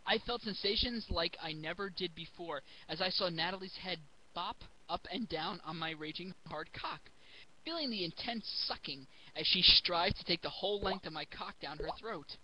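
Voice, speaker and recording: Giggly drunk man with a bright, high voice. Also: animated, normal speed, a little hiss or hum, rough recording. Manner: giggly drunk, stumbling over the text. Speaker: host reading a story aloud. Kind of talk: comic read-aloud with mocking asides.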